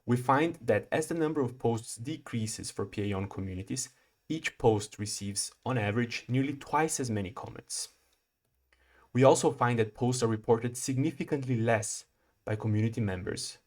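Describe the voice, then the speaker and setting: A medium-pitched male voice belongs to a young PhD student from Brazil. He presents his research from prepared material, calm and explanatory, sometimes restarting mid-thought.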